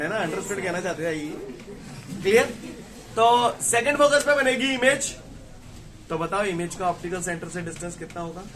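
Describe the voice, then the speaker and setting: A man teaching a physics class who dictates slowly and keeps asking if it is clear. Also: sits high, distant mic. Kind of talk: classroom lecture.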